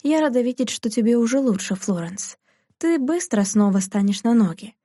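A woman's voice: expressive, normal speed, dark tone, dry recording, clean studio sound. A woman reading aloud, voicing a stingy, domineering elderly aunt who fusses and complains. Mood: bossy fretful. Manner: shrill, fretful and bossy.

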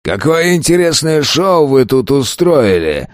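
A man's voice: mid-range voice, very animated, unhurried, dry recording, studio quality, voice pushed up. A man voicing an ancient male raven who talks in a cackling, amused, condescending way.

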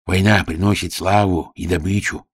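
A man voicing a vain, capricious, suspicious little male king in an audiobook drama, with a husky low voice. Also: fairly even intonation, moderate pace, dry recording, clean studio sound.

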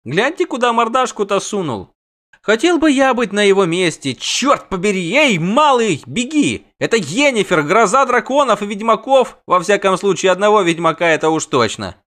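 A man voicing a brash, excitable young male bard in an audiobook, loud and gleeful. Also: normal speed. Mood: mocking, excited. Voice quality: high, shouting and gleeful. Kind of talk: audiobook character voice.

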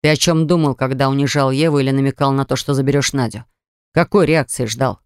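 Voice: mid-range voice, fairly even intonation, a little fast, clean tone, no echo, clean studio sound, close to an everyday voice. A reader voicing a cold, stern grown son who speaks in a clipped, scolding way, in an audiobook. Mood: icy. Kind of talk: audiobook character voice.

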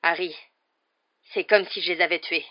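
A woman voicing a gaunt, haunted escaped man with a hoarse voice, in a dull, muffled audiobook recording. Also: fairly low pitch, fairly even intonation, moderate pace, lightly acted. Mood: remorseful.

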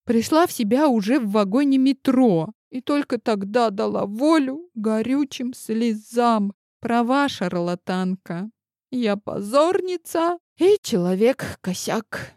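A woman narrating a story in the first person, lively and expressive. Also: a little high, takes it slowly, no room sound, clean studio sound. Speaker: audiobook narrator.

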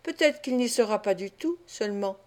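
A woman reading an audiobook voices an excitable young male pickpocket who laments and boasts. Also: medium pitch, normal speed, natural voice. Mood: mournful.

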